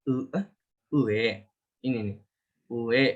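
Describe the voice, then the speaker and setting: A man teaches an online language class in a loose, chatty way, often stopping to fix his own slips. His voice sits at an ordinary pitch. The sound is dull and lo-fi, as if it comes through a computer mic on a call. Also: slow pace. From Indonesia. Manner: chatty, self-correcting, talks to students directly. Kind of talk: casual online class lesson.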